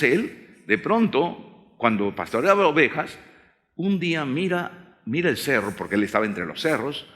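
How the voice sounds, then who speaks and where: Male Bible teacher, lively storytelling voice. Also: on the high side. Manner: storytelling, asks the audience questions. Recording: long hall reverb.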